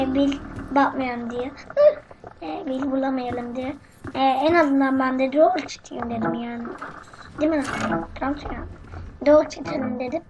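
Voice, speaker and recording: A gaming channel host with a hoarse, sick voice commentating on gameplay, jumping between excited bursts and mumbled asides. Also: sits high. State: hoarse from illness. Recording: dull lo-fi audio with background noise.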